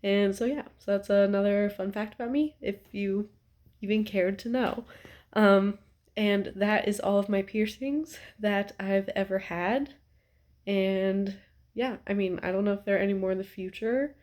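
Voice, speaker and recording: A woman's voice: mid-range voice, fairly even intonation, unhurried, darkish tone. A young woman talking casually to camera from her couch at home, chatty and rambling with lots of ums and likes, a bit stuffy-nosed. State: stuffy nose. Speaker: vlogger.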